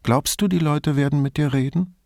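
A man reading an audiobook voices a thoughtful, curious woman who asks probing questions and gently teases. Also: on the high side, normal speed, vocal fry, dry recording, studio quality, pitched above the performer's own voice. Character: thoughtful middle-aged woman, curious, wry.

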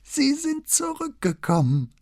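A man voicing a querulous old notary who whines in a high, shrill voice while feigning frailty. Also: huge pitch swings, measured pace, gravelly, no room sound, studio quality, full character voice. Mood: pleased. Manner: irritable, evasive.

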